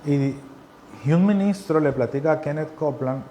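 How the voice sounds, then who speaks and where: A man's voice: a little high, normal speed, dark tone, slight background noise. A man preaching a sermon in an earnest, conversational way, repeating key phrases for emphasis. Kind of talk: sermon teaching.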